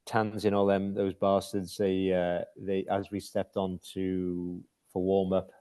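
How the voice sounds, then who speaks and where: A man chatting casually as a hockey-playing guest, haltingly, often repeating words before he finishes. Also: sits low, little pitch movement, warm tone, clean tone. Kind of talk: casual chat.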